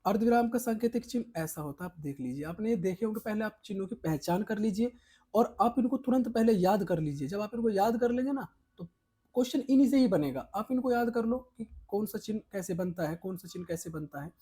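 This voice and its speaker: A man from India teaches an exam prep lesson in a dark, mellow voice with a husky edge. He talks emphatically, coaxing his students along and repeating each point. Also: sits high, animated, brisk.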